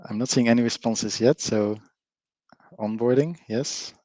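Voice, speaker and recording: This middle-aged man from Belgium, a company co-founder with a Flemish accent, chats through a live online presentation with frequent fillers and often draws in the audience. His mid-range voice has a darkish tone and a measured pace; the low-quality recording has no echo.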